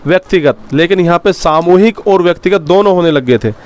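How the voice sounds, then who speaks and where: Addressing his students affectionately as children, a man teaching history dictates his lecture, repeating phrases slowly so they can take notes. He sits high in pitch and sounds animated.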